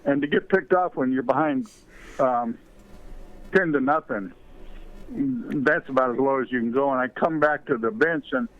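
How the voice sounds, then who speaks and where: Older male guest, anecdotal storyteller, loose and digressive, phone-quality audio. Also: medium pitch. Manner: rambling anecdotal storytelling with many fillers. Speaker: interview guest, former ballplayer and author. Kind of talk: storytelling in a podcast interview. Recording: tinny phone line.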